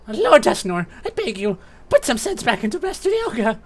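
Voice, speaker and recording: Frantic squeaky ghost imps from a video game, put on by a man, pitch jumping all over. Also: wildly swooping pitch, moderate pace, full character voice. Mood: pleading. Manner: frantic, pleading. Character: panicked little ghost creatures, squealing.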